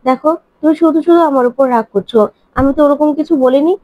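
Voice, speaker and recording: A woman's voice: high voice, fast, dry recording, close to an everyday voice. A woman voicing an anxious middle-aged mother who fears gossip, talking in worried, faltering repeats in a dry, dull recording. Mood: uneasy.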